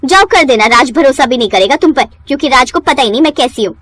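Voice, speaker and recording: A woman doing a shrill scheming young daughter-in-law. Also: lively intonation, a little fast, a bit bright. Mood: scornful. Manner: shrill, scolding.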